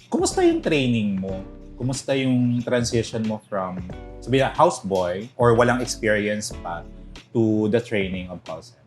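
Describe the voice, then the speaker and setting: A man hosting a casual interview, reacting with lively exclamations. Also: fairly low pitch, moderate pace, soft background music. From northern Philippines. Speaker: podcast host.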